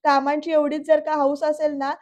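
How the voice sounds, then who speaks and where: A woman's voice: high-pitched, flat delivery, normal speed, darkish tone, lightly acted. A woman reading the lines of a scheming, spiteful middle-aged aunt in a serial recap, cold and snapping.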